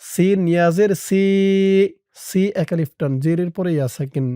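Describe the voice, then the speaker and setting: A Quran recitation teacher spells out Arabic letters and vowels, with brisk explanations between slow, drawn-out chanting of the verse. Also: medium pitch, warm tone, dry recording, clean studio sound.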